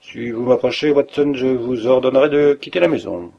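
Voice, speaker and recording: A man voicing a feverish, imperious dying detective who speaks hoarsely in a curt, commanding tone. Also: medium pitch, normal speed, darkish tone, muffled recording. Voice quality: hoarse, gasping.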